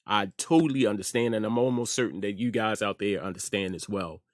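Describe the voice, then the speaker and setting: This middle-aged American man, host of an online news commentary show, talks a little fast in a lowish voice. His informal opinion commentary is emphatic and full of phrases repeated for effect, recorded dry in a clean studio.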